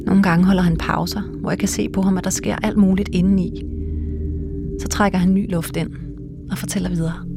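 Calm woman narrating a documentary. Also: lowish voice, gravelly, over music. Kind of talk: scripted narration.

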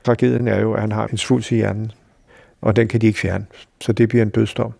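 Gravelly, husky man telling a story. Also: on the low side, flat delivery, a little mellow, no echo, clean studio sound. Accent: Danish. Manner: halting, reflective, many fillers. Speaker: interviewee recalling a friend. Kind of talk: personal storytelling.

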